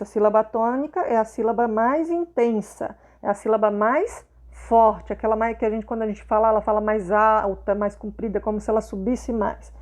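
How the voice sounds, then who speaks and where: A woman's voice: fairly high pitch, darkish tone. A woman teacher explaining a lesson to her pupils, patient and checking in with them often. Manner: patient, checks understanding with tags like "tá?" and "né?".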